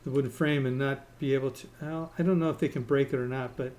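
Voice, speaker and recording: A man in casual voice chat with friends while playing a game, explaining things haltingly with fillers. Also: medium pitch, fairly even intonation, darkish tone, a little hiss or hum. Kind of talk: casual voice-chat gameplay talk.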